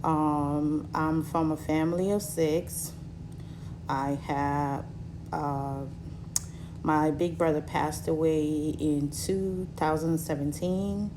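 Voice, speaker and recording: A woman in her thirties from Cameroon, telling her own story to her viewers in a halting way with many fillers, while recovering from surgery. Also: low voice, steady tone, background noise. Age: 30s. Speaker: vlogger.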